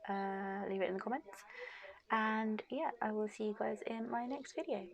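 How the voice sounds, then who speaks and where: In this casual vlog, the woman's fairly high voice keeps a moderate pace as she talks candidly to camera. Laughter comes often, "like, you know" peppers her speech, and her voice is wearing thin a bit.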